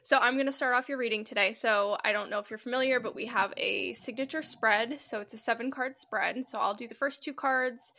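A woman co-hosts a casual podcast and reads tarot while sick, her voice congested and nasal. She speaks a little high and a little fast with few pauses, in a pushed, bright tone, chatty and self-deprecating and laughing often.

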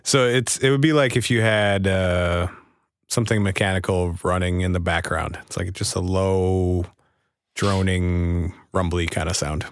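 A man's voice: sits low, steady tone, measured pace, no room sound, studio quality. A man co-hosting a podcast, casually explaining things and teasing his co-host. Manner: explanatory, plays audio clips, teasing.

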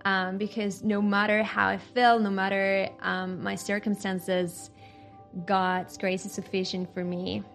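Podcast guest, woman from Chile, earnest reflective testimony, gravelly fry in the voice. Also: mid-range voice, level tone, measured pace, fairly bright tone, faint music behind. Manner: earnest, reflective, many ums. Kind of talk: faith testimony conversation.

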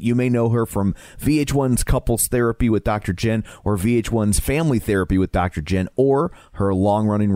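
A man's voice: medium pitch, darkish tone, no echo. Guy with a midwestern accent doing podcast host talk, really dry close sound. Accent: American Midwestern. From American Midwest. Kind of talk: conversational podcast hosting.

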